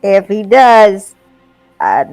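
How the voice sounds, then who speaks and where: A woman's voice: mid-range voice, big pitch swings, extremely slow, darkish tone, dry recording, faint music behind. A woman chatting casually at a tabletop game in a blunt, dry manner.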